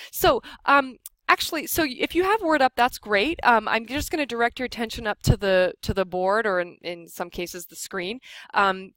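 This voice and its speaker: An American woman instructs a workshop at a medium pitch. She explains software in an informal, conversational manner. The sound is dry, with very little room in it. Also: no room sound. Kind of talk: informal software tutorial for a live group.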